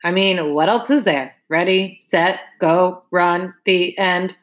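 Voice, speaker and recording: A woman's voice: fairly low pitch, fairly even intonation, slow. Give me a curt, defensive teenage boy, as a woman reads him in an audiobook. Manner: curt, defensive, street-talking. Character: guarded defiant teenage boy runner. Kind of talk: audiobook character voice.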